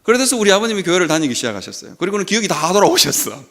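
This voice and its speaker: A man's voice: sits high, sing-song, rapid-fire, fairly bright tone. A male pastor preaching a sermon in a church, telling a family story and acting out the dialogue in it.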